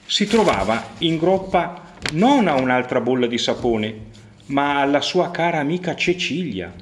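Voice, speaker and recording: A man narrating a children's fairy tale, expressive, with rising swells and slowed emphasis. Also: a little hiss or hum. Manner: expressive storytelling with pitch swings and slowed emphasis. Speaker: storyteller.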